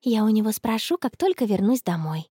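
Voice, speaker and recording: A woman's voice: mid-range voice, sing-song, fairly quick, husky, dry recording, clean studio sound. Anna, a woman voicing a dreamy teenage girl. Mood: dreamy, stubborn. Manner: soft, dreamy and touchy. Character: dreamy stubborn schoolgirl in love, teenage.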